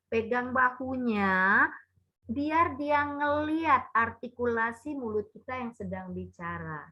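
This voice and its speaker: A woman giving a parenting talk, speaking to the parents as Bapak Ibu and acting out what mothers and children say. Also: fairly high pitch. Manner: addresses listeners as Bapak Ibu, acts out mother and child lines. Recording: dull lo-fi recording.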